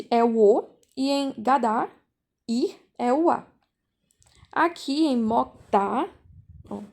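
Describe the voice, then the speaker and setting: A high-voiced woman teaches an online class. She speaks slowly and patiently, and she often repeats herself and checks in with the students. Her voice comes through a video call. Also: creaky, a little mellow. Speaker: volunteer teacher.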